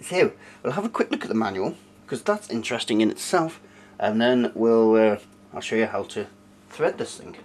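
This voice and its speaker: A British man with a fairly low, expressive voice hosts a retro tech channel, talking chattily at a moderate pace through a casual review and tutorial. He sits at a desk in a small cluttered room, and a little hiss or hum is audible.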